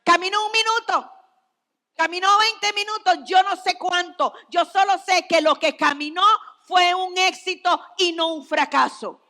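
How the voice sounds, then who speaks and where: A woman pastor delivers a sermon in a high, bright voice, taking her time over each phrase. Her speech swells with emphasis and then sinks to a hush. A long church-hall reverb trails every word. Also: fairly even intonation. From Costa Rica. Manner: slow, emphatic preaching with dramatic drops to near whispers.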